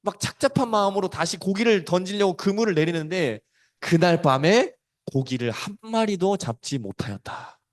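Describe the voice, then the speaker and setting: Animated man preaching to children. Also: sits high, moderate pace. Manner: animated storytelling, swings between loud and soft. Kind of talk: storytelling sermon for children.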